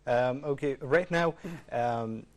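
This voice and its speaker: A young man from Egypt, a guest on a studio panel, speaks haltingly with frequent fillers. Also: mid-range voice, darkish tone. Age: young adult. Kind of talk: panel discussion. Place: television studio.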